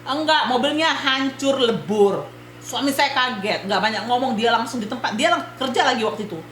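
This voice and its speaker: A woman from Indonesia, vlogging an animated personal story and talking straight to her viewers as friends. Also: a little high, fast talker, echoey room, a little hiss or hum. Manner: animated, retells events while addressing viewers as friends. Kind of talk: casual storytelling vlog.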